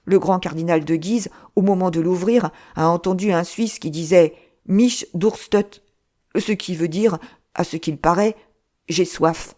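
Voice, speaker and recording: A woman reading an audiobook, voicing a fat, cowardly male monk who wails and pleads loudly. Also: fairly low pitch, natural voice. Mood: pleading. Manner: lamenting, pleading, drawn-out wails.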